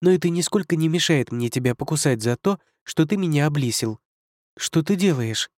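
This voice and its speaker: A man's voice: on the high side, lively intonation, moderate pace, a little mellow, no room sound, clean studio sound, pitched above the performer's own voice, natural voice. A man reading an audiobook, voicing a young fox spirit woman who is anxious and pleading. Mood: teasing.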